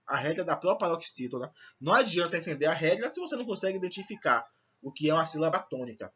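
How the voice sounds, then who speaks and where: Male teacher, bright and sharp tone, explains step by step, dull lo-fi recording. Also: sits high, husky. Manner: explanatory, checks in with frequent "certo?". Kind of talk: recorded online Portuguese lesson.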